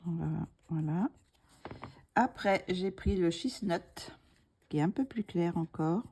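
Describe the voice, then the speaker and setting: A middle-aged woman narrating a coloring tutorial, slow and soft-spoken, thinking aloud and often dropping to a whisper. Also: lowish voice, expressive, breathy edge.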